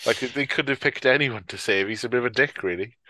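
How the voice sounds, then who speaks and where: A man chats about a film in a loose, rambling way, cursing easily and often dropping a thought halfway through. His voice sits at a middle pitch. The recording is close and dry. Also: fast talker, sharp tone, no room sound. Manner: rambling, swears freely, trails off mid-sentence. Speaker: podcast co-host. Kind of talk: casual film discussion.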